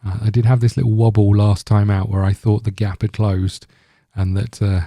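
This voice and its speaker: Hosting a gaming video, a man talks casually through a game in a very dark, relaxed, lowish voice, rambling and thinking out loud at a normal speed. The recording is dry and close, with no echo.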